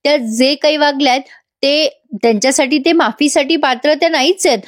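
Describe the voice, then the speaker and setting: A woman reading a calm, earnest young daughter. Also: high-pitched, a little fast, no room sound, clean studio sound, pitched above the performer's own voice, lightly acted. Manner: gentle, persuasive.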